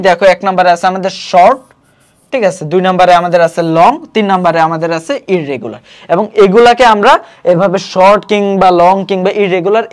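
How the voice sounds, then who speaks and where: A male tutor with a Bangladeshi Bengali accent teaches grammar online for admission exam coaching, and his voice sits high. He explains things, keeps asking "ঠিক আছে?" ("okay?") to check understanding, and breaks words into syllables that he pronounces slowly.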